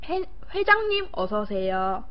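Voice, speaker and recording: In a small room indoors, a young adult woman eats on a live stream and chats easily with her viewers. Her mid-range voice is unhurried and sing-song, turning playful at times, and she makes short murmurs between phrases. The audio is dull, lo-fi stream quality.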